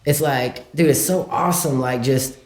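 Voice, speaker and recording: With a blended Louisiana-Mexican accent, a male skateboarder guesting on a podcast spins stories in loose, casual talk, full of "like"s and restarted sentences. He speaks at normal speed in a mid-range, slightly mellow voice, and the sound is reverberant.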